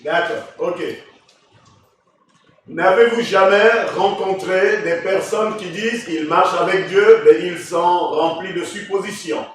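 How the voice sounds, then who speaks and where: A male preacher delivers a sermon and puts questions to the congregation. His voice runs high and climbs into shouted emphasis. It sounds distant and echoey, caught in a big reverberant church room. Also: takes it slowly, a little hiss or hum. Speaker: pastor. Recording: echoey church hall, voice from afar.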